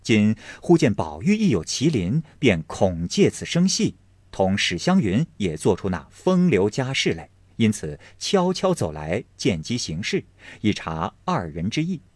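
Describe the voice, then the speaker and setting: A man narrating a classical novel as an audiobook host, with expressive, measured storytelling. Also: lowish voice, no room sound.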